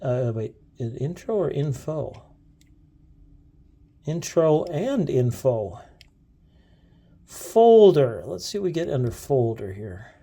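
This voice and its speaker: Fiddling with a gadget as he demonstrates it, a video host thinks out loud, often stopping and restarting in a casual, unscripted way. His voice is mellow, relaxed, and of average pitch, with a creaky edge.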